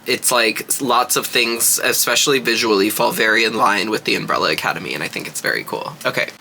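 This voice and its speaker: Sassy drag queen with a very bright voice. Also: on the low side, a little fast, gravelly, slight background noise, low-quality recording. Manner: sassy, gushing drag queen talk with slangy swearing. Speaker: reaction video host, drag queen. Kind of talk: casual reaction commentary.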